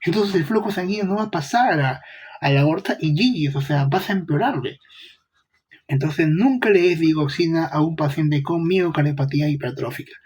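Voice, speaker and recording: A man's voice: fairly high pitch, moderate pace, a little mellow, husky. A young man giving a casual medical lecture, chatty, with rhetorical questions and slangy asides.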